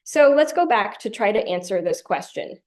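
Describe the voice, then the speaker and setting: A woman presenting a conference tutorial, explaining ideas in a clear lecture style with light humorous asides. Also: medium pitch, expressive, normal speed, darkish tone. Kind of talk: academic lecture.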